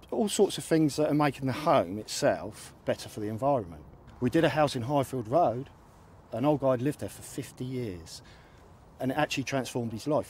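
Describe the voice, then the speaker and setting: A man's voice: mid-range voice, a little mellow. An English builder in his thirties speaks plainly and earnestly. He is recorded outdoors on a building site, with faint ambient noise around him. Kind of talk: documentary interview.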